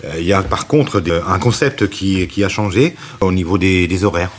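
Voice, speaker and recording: A man interviewing a local business owner, asking friendly questions with some halting starts. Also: low-pitched, slight background noise.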